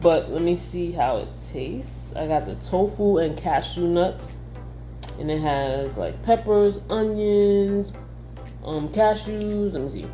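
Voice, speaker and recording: A woman talks casually to her camera as a vlogger. Her voice sits a little low and has a dark, relaxed tone. She speaks in a loose, conversational way, with faint music behind her. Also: takes it slowly. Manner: conversational, frequently saying "like".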